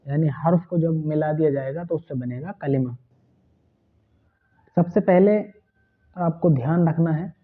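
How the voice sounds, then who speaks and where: A man teaching an online language lesson, patiently spelling out letters and their sounds. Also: fairly high pitch. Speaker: Urdu teacher. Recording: tinny phone-like sound.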